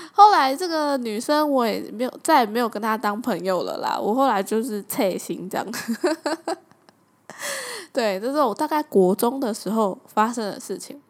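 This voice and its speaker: A woman's voice: fairly high pitch, lively intonation, moderate pace. A young woman with a Taiwanese Mandarin accent, hosting a podcast and telling stories casually, with lots of fillers and frequent laughter. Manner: chatty, laughs often, many fillers. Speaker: podcast host. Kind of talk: casual storytelling monologue.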